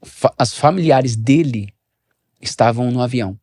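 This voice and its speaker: A man with a Brazilian accent, a pastor and former footballer, telling animated stories in a podcast interview and acting out the voices of people he quotes. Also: mid-range voice, unhurried, dry recording, clean studio sound. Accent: Brazilian Portuguese.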